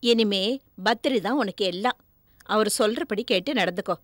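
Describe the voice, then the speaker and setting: A woman's voice: mid-range voice, moderate pace, no echo, clean studio sound, close to an everyday voice. An actress playing a worried elder sister questioning her younger sibling, in a TV serial. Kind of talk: TV serial acting.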